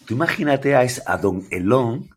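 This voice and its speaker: A man's voice: medium pitch, lively intonation, normal speed, husky. A man with a Spanish accent co-hosting a podcast, joking and chatting casually, often slipping into mock voices. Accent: Spanish from Spain. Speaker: podcast co-host. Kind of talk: casual chat.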